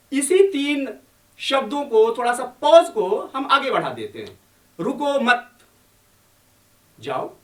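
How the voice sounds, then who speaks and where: Male journalism lecturer, high voice, expressive, uses dramatic pauses; roomy, distant-mic video lecture recording. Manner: expressive teaching delivery with deliberate dramatic pauses. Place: room at the university. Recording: echoey room, mic at a distance.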